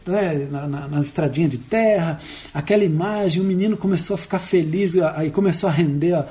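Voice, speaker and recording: Relaxed rambling man telling a folk tale. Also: on the high side, a little fast. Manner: relaxed, rambling, many tag questions. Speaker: guest storyteller and guitarist. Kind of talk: folk tale told in casual chat.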